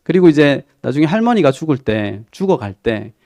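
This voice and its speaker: A man's voice: a little high, very animated, brisk, darkish tone, no room sound. A man who is a pastor, preaching a sermon in a conversational storytelling way and asking the congregation questions. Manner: storytelling, retelling a TV drama with quoted lines. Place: church sanctuary.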